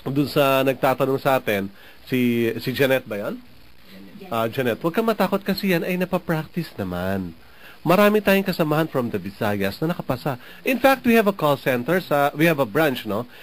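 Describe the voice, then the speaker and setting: A man's voice: mid-range voice, big pitch swings, moderate pace. A man from the Philippines hosting a program, giving casual advice to listeners in a chatty way, often tagging "no?" onto his sentences. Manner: chatty, often adds "no?" and laughs. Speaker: radio program host.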